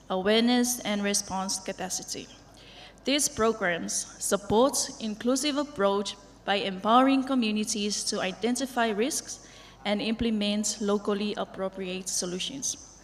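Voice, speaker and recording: A woman reading a formal scripted podium speech as a government representative. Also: mid-range voice. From Samoa. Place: large conference hall. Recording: reverberant hall with background noise.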